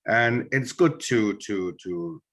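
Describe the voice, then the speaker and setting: Greek-born male historian guest, bright tone, lively storyteller who acts out dialogue in an interview. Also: on the low side, slow pace. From Greece. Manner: animated storyteller acting out quoted dialogue.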